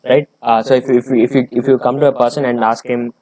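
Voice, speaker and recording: A man's voice: mid-range voice, level tone, quick pace, warm tone, no room sound, rough recording. A man reading a research paper aloud and explaining it, hesitant, with many fillers and restarts.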